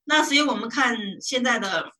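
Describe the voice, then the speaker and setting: Bright-voiced woman explaining music. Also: on the high side, normal speed. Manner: hesitant, many fillers and restarts, hums melody snippets. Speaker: music appreciation presenter. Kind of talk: casual spoken music lesson.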